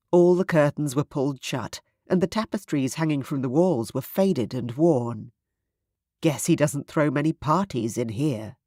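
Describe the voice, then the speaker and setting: Dry, even audiobook narration voice. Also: mid-range voice, no echo. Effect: synthetic voice. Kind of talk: scripted first-person narration.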